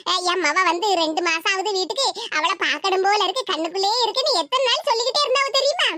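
A woman voicing a sharp-tongued, teasing village woman in a cartoon, with a Tirunelveli Tamil accent. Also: very high voice, fast talker, heavy background noise. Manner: teasing, mocking, laughs often.

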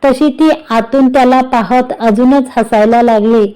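A woman narrating a romantic story in steady storytelling. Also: on the high side, measured pace, clear, resonant tone, rough recording.

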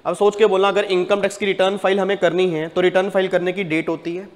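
A man giving a tax lecture to a class, animated, putting questions to the students and answering them himself. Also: high-pitched, fast talker, long reverb tail.

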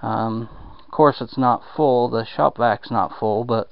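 Slow, gravelly man filming a basement. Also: mid-range voice, steady tone, dry recording. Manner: rambling, drawling, lots of fillers. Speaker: home repair vlogger. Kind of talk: casual handheld walkthrough. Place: damp basement indoors. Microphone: handheld camera. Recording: dull lo-fi camera audio.

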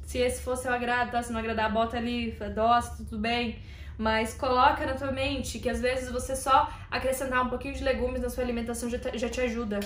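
A woman's voice: a little high, little pitch movement, fairly quick. A woman teaching belly dance online, chatting in a casual, slangy and encouraging way. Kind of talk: casual online lesson talk. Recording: echoey room.

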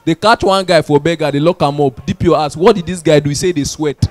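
High-voiced Nigerian man doing stand-up. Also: fast talker, faint music behind. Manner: loose, rambling jokes with sung asides. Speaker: stand-up comedian. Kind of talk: stand-up comedy in Pidgin. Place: comedy stage.

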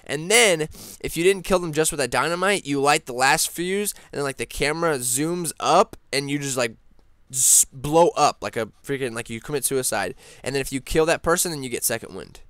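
A young man hosting a casual gaming news vlog, rambling excitedly with lots of fillers and restarts. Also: on the high side, moderate pace, clear, resonant tone, no echo, studio quality. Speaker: gaming channel host.

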